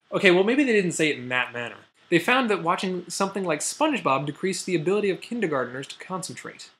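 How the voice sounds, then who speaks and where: A young American man hosts a science news video show, explaining things to camera in a chatty, semi-scripted way. His slightly high voice has a fairly bright tone, and he drops jokey asides and mock exclamations along the way.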